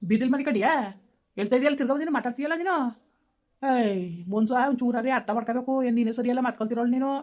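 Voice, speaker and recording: A woman acting a quarrelsome rural woman in a family feud, scolding and cursing in a rapid-fire stream. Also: a little high, darkish tone, natural voice. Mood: quarrelling. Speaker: actor in a village family skit. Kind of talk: amateur comedy skit acting.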